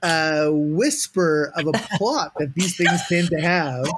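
A man's voice: fairly high pitch, slow, background noise. A man chatting casually as a guest, playful and often repeating words as he goes. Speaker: guest, mustard maker. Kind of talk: casual chat.

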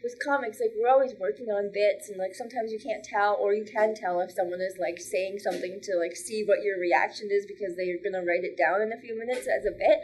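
A woman's voice: mid-range voice, fairly even intonation, brisk, few pauses, a little mellow, low-quality recording. Chatty woman comedian with filler words. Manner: chatty, frequent "like" fillers, laughs often. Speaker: stand-up comedian, podcast guest. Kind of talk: casual podcast chat.

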